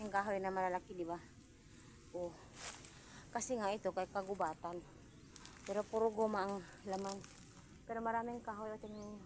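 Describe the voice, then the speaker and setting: Cebuano-speaking woman vlogging in the forest, out of breath, mid-pitched, lots of outdoor noise. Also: level tone, fairly quick, long pauses, darkish tone. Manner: chatty, points things out to viewers. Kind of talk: casual vlog narration. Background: outdoor rural ambience.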